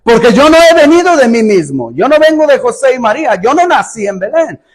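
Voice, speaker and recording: A man's voice: very high-pitched, sing-song, fairly quick. A male pastor preaching a sermon in an emphatic style, acting out sarcastic rhetorical questions.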